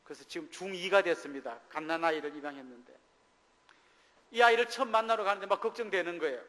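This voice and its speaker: Middle-aged male pastor, high-pitched, storytelling sermon, reverberant church hall. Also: fast, pushed and bright. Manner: storytelling testimony, acting out quoted dialogue. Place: church sanctuary.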